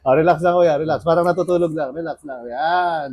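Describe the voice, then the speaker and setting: This is a man giving a bone-setting massage on a yacht, talking his patient through it in a casual, steady way. His voice is a little husky and sits slightly high. He keeps repeating gentle cues to relax, inhale and let go. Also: brisk. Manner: calm, soothing instructions to relax and breathe. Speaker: bone setter. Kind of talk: casual coaching during a massage treatment.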